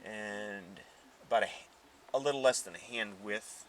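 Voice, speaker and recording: The host of a car audio channel unboxes gear casually, chatting informally and thinking out loud with some background noise. He has a fairly low voice and talks a little slowly.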